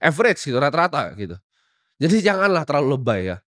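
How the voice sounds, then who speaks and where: A young man lectures his listeners in a blunt, slangy rant. His voice sits a bit high and swings widely in pitch as he scolds. The sound is close and dry, with no room around it. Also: sing-song, fast talker, a bit bright, no room sound. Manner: confrontational, scolding, slangy Jakarta speech. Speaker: podcast host giving life advice. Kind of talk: monologue, blunt motivational rant.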